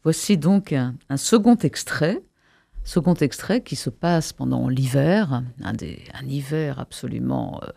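A man presenting and reading aloud an excerpt of a novel, expressive with a few hesitations. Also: medium pitch, a little slow, creaky, no echo. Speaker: radio presenter and reader.

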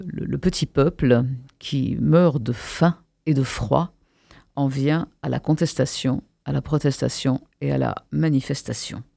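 A man presenting and reading aloud an excerpt of a novel, expressive with a few hesitations. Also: on the high side, gravelly, no echo, studio quality. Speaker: radio presenter and reader.

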